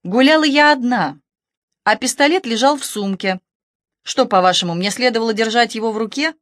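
A woman voicing a haughty, sharp-tongued rich woman who talks down to the police, with cutting sarcasm. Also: fairly high pitch, fairly quick, no room sound, studio quality, pitched above the performer's own voice, close to an everyday voice. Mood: imperious, sarcastic. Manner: sarcastic, imperious.

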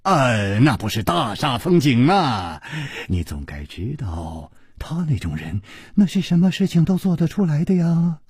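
A male storyteller voicing a coy, scheming middle-aged woman who speaks in breathy, giggling whispers. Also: mid-range voice, sing-song, measured pace, a little mellow, no room sound, clean studio sound, exaggerated voice. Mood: scornful. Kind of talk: Chinese storytelling.

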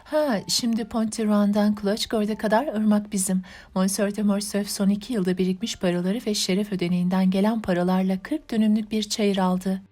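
A woman reading the lines of a gentle, anxious countess in an audiobook, in a measured, even way. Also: mid-range voice, lightly acted. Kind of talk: audiobook narration.

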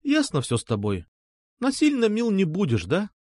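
A man's voice: high-pitched, wildly swooping pitch, normal speed, darkish tone, dry recording, studio quality, pitched above the performer's own voice, exaggerated voice. Nastya, a man voicing a bossy teasing girl. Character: young woman, brisk, teasing, bossy classmate.

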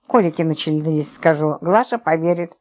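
A timid, naive young wife , voiced by a woman reader. She speaks low and soft, clearly below the narrator's own voice. It is read like a storybook part. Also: moderate pace, close to an everyday voice.

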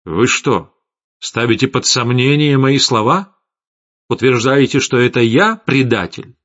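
Мужчина играет грозного древнего мага, повелительный тон, громкие вспышки гнева, аудиокнига. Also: male voice, medium pitch, animated, unhurried, a bit bright. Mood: stern. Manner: commanding, accusing, sharply rising. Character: imperious ancient male light mage, wrathful. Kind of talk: audiobook character voice. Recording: slightly dull lo-fi audio, faint music.

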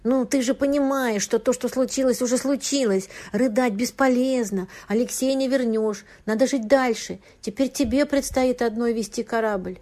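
A woman's voice: a little high, normal speed, few pauses, mellow, pitched above the performer's own voice, natural voice. A woman voicing a pushy female friend who coaxes and then shrieks in anger. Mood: coaxing. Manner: coaxing, then shrieking and snapping.

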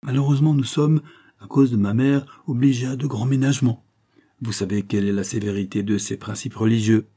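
A man reading an audiobook voices a cautious, courteous middle-aged industrialist who speaks in a measured, polite way. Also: mid-range voice, steady tone, warm tone, voice pushed up, natural voice. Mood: polite caution.

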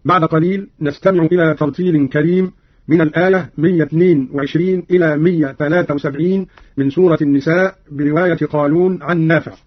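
A man giving a formal, scripted explanation of recitation variants as a radio presenter, in measured, precise delivery. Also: fairly high pitch, fairly even intonation. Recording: muffled, dry old radio recording.

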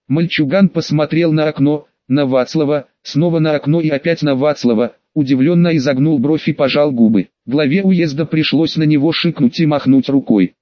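A man's voice: fairly high pitch, no echo, muffled recording. Man reading a fantasy audiobook evenly. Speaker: audiobook narrator. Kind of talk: scripted narration.

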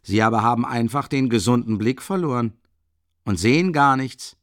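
An actor playing a sly, jovial middle-aged investigator who teases and needles with questions. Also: male voice, medium pitch, moderate pace, no echo, clean studio sound, close to an everyday voice. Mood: mocking.

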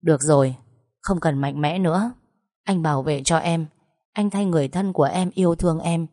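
A woman's voice: sits low, moderate pace, warm tone, no room sound, clean studio sound, lightly acted. A woman reading a story aloud and voicing a protective man who soothes and reassures his crying lover. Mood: soothing.

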